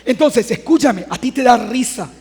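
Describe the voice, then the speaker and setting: A man in his thirties delivers a sermon with a strikingly high-pitched voice. He moves from a chatty, storytelling tone into loud, emphatic stretches. The sound rings with the long reverb of a big hall. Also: lively intonation, moderate pace, breathy edge. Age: 30s. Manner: conversational preaching that swells into loud emphatic passages. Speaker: pastor.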